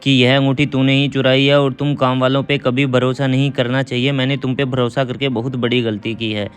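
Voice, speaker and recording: A man voicing a suspicious, scolding lady of the house, in a smooth, even voice. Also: mid-range voice, fairly quick, natural voice. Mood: accusing. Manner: accusing, scolding. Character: suspicious accusing rich housewife, woman.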